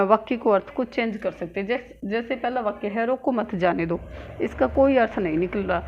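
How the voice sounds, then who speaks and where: A woman teacher giving a grammar lesson, speaking slowly and repeating key words with frequent filler sounds. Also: a little high. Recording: dull lo-fi sound with faint noise.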